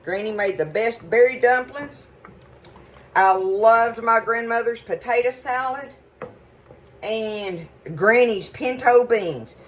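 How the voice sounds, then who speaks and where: A woman's voice: fairly high pitch, slow, a little hiss or hum, poor audio. A woman hosting a casual cooking video in her home kitchen, chatting folksily and rambling into stories as she cooks. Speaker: cooking show host.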